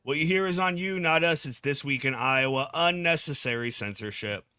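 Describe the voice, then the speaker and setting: Male producer, bright and dry, deadpan asides. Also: fairly high pitch, moderate pace, clean tone, dry recording. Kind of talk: casual chat.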